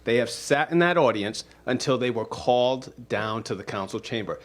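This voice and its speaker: Stern council president turning angry. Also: male voice, medium pitch, normal speed. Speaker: city council president chairing a meeting. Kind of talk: formal meeting debate. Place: city council chamber.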